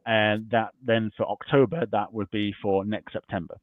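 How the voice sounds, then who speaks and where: A man's voice: lowish voice, fairly even intonation, moderate pace, no room sound. A man presenting university admissions information in an online session, losing his voice and walking through slides point by point. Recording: tinny dry call audio.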